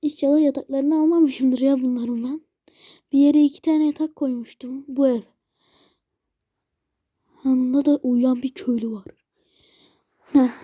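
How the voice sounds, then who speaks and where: A woman's voice: high voice, fairly even intonation, measured pace, long pauses, husky, no echo, lo-fi sound. A woman giving casual let's-play commentary as host, chatting to and pleading with game monsters as she plays. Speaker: gaming channel host.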